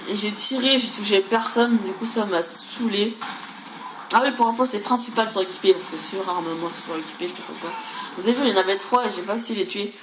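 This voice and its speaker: A woman talks casually over gameplay in a roomy, echoing space. She rambles, repeating and stumbling over words. There is clear noise behind her mid-pitched voice. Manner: mild crude swearing. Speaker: gaming video creator. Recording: roomy echo, clearly noisy background.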